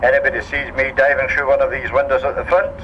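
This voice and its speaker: A man's voice: mid-range voice, level tone, fast, dull audio, slight background noise. A Scottish man giving a joking safety briefing and tour commentary as a ship tannoy announcement. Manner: dry, joking patter. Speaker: tour boat crewman.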